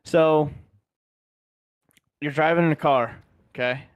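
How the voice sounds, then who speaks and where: A man's voice: on the high side, takes it slowly, no echo. A man in his thirties co-hosting a podcast, telling crude jokes in casual banter. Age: 30s. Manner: jokey, crude, animated. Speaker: podcast co-host.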